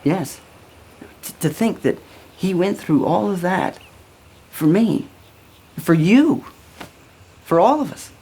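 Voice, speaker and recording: An awestruck disciple, acted by a woman, gives earnest eyewitness testimony in a comedy news sketch. The husky voice stammers and swings widely in pitch. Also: expressive, slow pace, long pauses, dark tone, heavily acted. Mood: awed. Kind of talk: comedy sketch interview acting.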